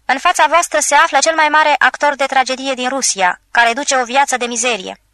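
A woman's voice: sits high, sharp tone, no echo. A woman voicing a drunken, bombastic old male tragic actor who rants and hurls theatrical insults. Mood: raging.

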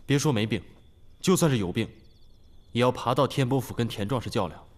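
An actor playing a good-natured young husband in a historical TV drama who speaks in a coaxing, soothing way. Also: male voice, mid-range voice, animated, brisk, close to an everyday voice.

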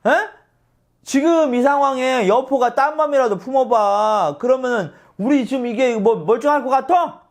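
A man's voice: very high voice, animated, normal speed, hardly any pauses, voice pushed up. A man playing a scheming male adviser who coaxes and scolds his lord in exasperation. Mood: exasperated. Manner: coaxing, exasperated.

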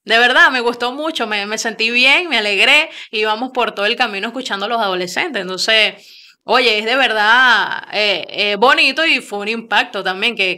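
A young woman with a Venezuelan accent, hosting a studio interview and telling stories in a lively, gesturing way at a close desk mic. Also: fairly high pitch, clear, resonant tone. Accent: Venezuelan Spanish. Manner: lively storytelling with many repeats and hand gestures. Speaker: radio host. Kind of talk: casual interview talk. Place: small studio with screen backdrop.

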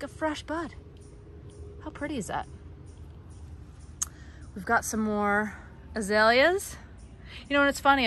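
A middle-aged American woman, a garden blogger, leads a casual and enthusiastic walking tour of her backyard garden, recorded outdoors on a phone. Her voice is fairly high and a bit bright, with a little hiss or hum underneath. She chats away with frequent fillers and small laughs.

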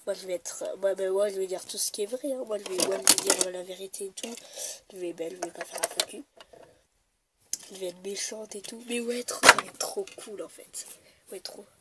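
Woman as a plotting mean girl, low whispery hush, loud hiss behind. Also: a little fast, close to an everyday voice. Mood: scheming. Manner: hushed, whispery, conspiratorial. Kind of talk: toy-figure stop-motion voice acting.

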